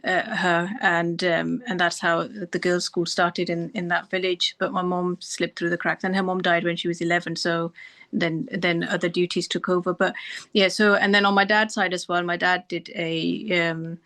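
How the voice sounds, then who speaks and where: A middle-aged woman doctor from Pakistan, appearing as a guest, answers interview questions thoughtfully, often restarting and using fillers. Her voice is on the low side and fairly bright, with little pitch movement and a moderate pace.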